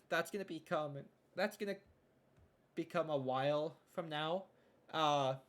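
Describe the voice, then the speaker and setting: Young male streamer muttering as he works. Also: fairly high pitch. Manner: thinks aloud while working, mumbles. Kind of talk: casual live-stream chat.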